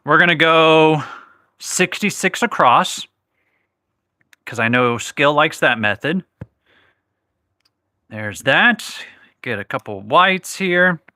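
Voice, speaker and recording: Bright-voiced man hosting a live craps stream. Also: fairly high pitch, animated, takes it slowly, pauses often, no room sound, studio quality. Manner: chatty, reads viewer comments aloud, self-correcting. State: has the hiccups. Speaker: livestream host.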